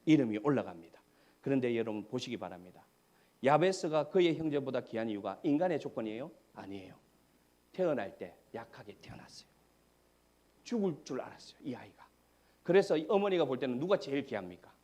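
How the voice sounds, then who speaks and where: A man preaching a sermon as pastor, asking the congregation questions and swinging between shouted climaxes and hushed whispers. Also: mid-range voice, sing-song, a little fast. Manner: dramatic preaching, rising to shouts and dropping to whispers.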